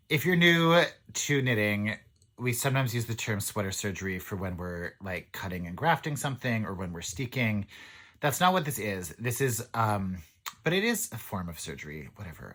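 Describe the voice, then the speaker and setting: A man talking casually to his camera in a mid-range voice. His talk wanders, full of "um"s and little laughs as he loses his thread. Relaxed, unscripted vlog chat. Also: medium pitch. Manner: chatty, rambling, with many fillers and laughs. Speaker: knitting vlogger. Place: indoors, away from home.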